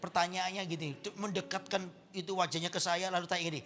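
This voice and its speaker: A man's voice: high-pitched, fast talker. A male pastor with an East Javanese Indonesian accent, telling a humorous story in a sermon and acting out the voices of the people in it. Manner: animated, acts out voices and shouts in anecdotes. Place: church sanctuary.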